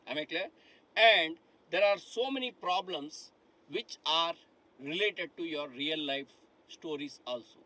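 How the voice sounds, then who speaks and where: The voice is a little high, pushed and bright, captured on a low-quality recording: a middle-aged man giving a live online lecture from a studio in front of a dark digital board. He repeats things, puts questions to the class and keeps calling them "my dear friends."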